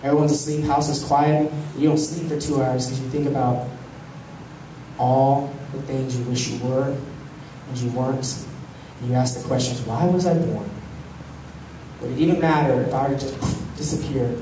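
Young male pastor, mellow dark voice, animated sermon, recorded from far back in a roomy hall with faint hum. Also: medium pitch, normal speed, pauses often. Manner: animated, swings from loud to hushed. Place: large church hall with stage. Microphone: handheld mic, filmed from the pews.

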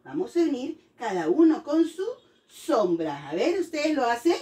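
A woman's voice: high voice, very animated, measured pace, mellow, distant mic. A woman teacher giving a playful, singsong lesson to young children, coaxing them along.

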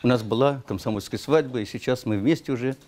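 A man's voice: medium pitch, fast talker, darkish tone. A man in his seventies looking back on his life in an interview. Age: 70s. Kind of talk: reminiscing in an interview. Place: indoor room.

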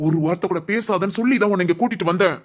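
A woman's voice: lowish voice, very fast, lightly acted. A woman voicing a strict, domineering middle-aged father who scolds his family in a cartoon family drama. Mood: stern.

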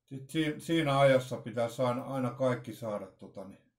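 With a medium-pitched, darkish voice, a middle-aged vlogger hesitantly rambles through an unscripted, casual unboxing, frequently repeating himself. It was recorded in a small room at home, and the sound is roomy and echoey.

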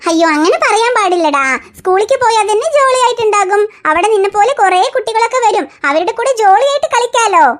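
A woman voicing a gentle aunt in a cartoon who patiently coaxes a child. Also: very high-pitched, lively intonation, fast, few pauses. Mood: coaxing. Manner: soothing, persuasive coaxing. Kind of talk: cartoon voice acting.

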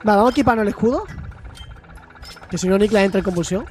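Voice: medium pitch, fast, darkish tone, soft background music. A streamer from Spain with a Spanish accent, chatting casually while playing and answering chat, swearing and exclaiming freely. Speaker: gaming streamer. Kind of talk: casual let's-play chat with chat replies.

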